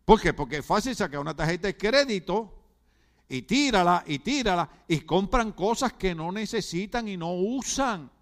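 A middle-aged pastor from Puerto Rico preaches a sermon in a Puerto Rican Spanish accent, firing rhetorical questions at the congregation and adding humorous asides. His voice sits high, with lively intonation, at a normal speed.

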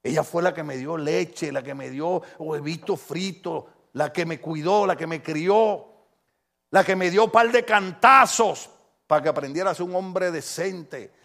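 A middle-aged man with a Puerto Rican accent, preaching a sermon with animated storytelling and rhetorical questions to the congregation. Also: a little high, a little slow, creaky. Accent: Puerto Rican Spanish. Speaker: pastor.

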